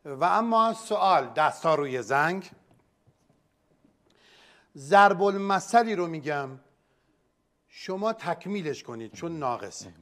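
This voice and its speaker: A man's voice: on the high side, sing-song, pauses often, bright, forceful tone. A man playing an exasperated quiz host in a comedy sketch, scolding contestants.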